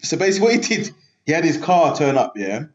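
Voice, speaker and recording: Animated young man with London roadman accent. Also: on the high side, fast. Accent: London roadman (multicultural London English). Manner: emphatic, sweary street slang. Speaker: football talk show host. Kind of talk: casual banter. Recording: echoey room, slightly narrow-band sound.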